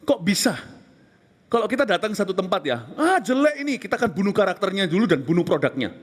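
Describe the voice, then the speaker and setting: A man preaching a passionate sermon, moving between raised exclamations and hushed, whispered moments. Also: sits high, lively intonation, fast talker, breathy edge. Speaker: pastor.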